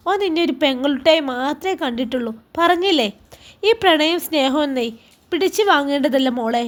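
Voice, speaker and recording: A young woman friend, played by a woman storyteller, consoling and gently chiding in a high, lively voice. She has a Malabar Malayalam accent. It is a spoken storybook role. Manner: comforting, scolding fondly.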